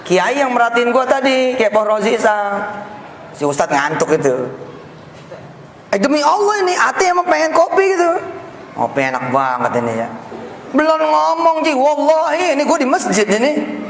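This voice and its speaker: High-voiced preacher in an echoey mosque hall. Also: male voice, moderate pace, gravelly. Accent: Jakarta Indonesian. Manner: animated, jokey, slangy, banters with the audience. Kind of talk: lively mosque sermon. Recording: echoey hall, faint background noise.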